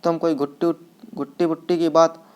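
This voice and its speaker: Male reader as grieving, angry young husband; slightly high voice, emotional reading. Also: little pitch movement, fairly quick, a little mellow, smooth, close to an everyday voice. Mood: anguished.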